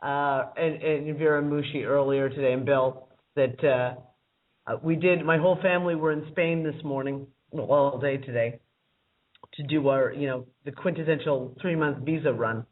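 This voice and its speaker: A woman's voice: sits low, steady tone, moderate pace. Woman on a tunnel-like phone line. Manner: rambling, chuckling as she talks. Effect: thin phone-line audio that sounds like a tunnel. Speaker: regular panelist calling in. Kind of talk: casual call-in chat. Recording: distant tinny call-in line.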